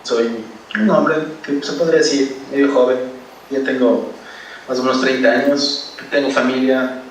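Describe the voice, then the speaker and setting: Quiet man, hesitant. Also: mid-range voice, moderate pace. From Ecuador. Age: 30s. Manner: calm, quiet, a little hesitant with fillers. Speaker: interviewee. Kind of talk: recorded interview clip. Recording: echoey distant archive interview, faint noise.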